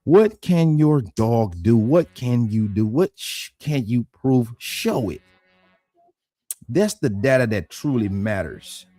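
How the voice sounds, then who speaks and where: A man hosting his own channel, talking in a blunt, combative rant, firing off repeated rhetorical questions and climbing higher in pitch as he gets worked up. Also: very animated, slow pace, dark tone, no room sound, soft background music. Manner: voice rises high when worked up. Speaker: dog breeder and channel host. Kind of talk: heated casual monologue.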